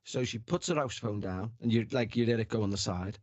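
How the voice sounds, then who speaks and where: A man's voice: lowish voice, brisk, no room sound. A man telling anecdotes in casual chat, acting out the quotes and swearing casually. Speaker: podcast guest or host.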